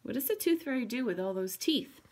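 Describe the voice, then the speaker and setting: A woman's voice: fairly high pitch, animated, a little fast, a little mellow, voice pushed up. Woman reading as a young boy turtle, earnest, puzzled, questioning, storybook voice, a bit raised. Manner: wondering, asking questions.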